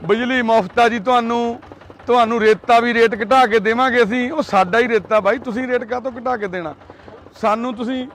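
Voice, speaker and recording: Coaxing high-voiced man reporting outdoors. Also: fairly even intonation, fairly quick, fairly bright tone. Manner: coaxing and pleading, then earnest social commentary. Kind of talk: street interview and commentary to camera.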